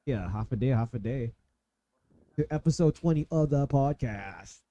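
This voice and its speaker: A man's voice: medium pitch, lively intonation, moderate pace, warm tone, muffled recording. A man hosting a casual podcast stream, rambling through stories with many restarts. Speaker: podcast host. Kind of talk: casual chat.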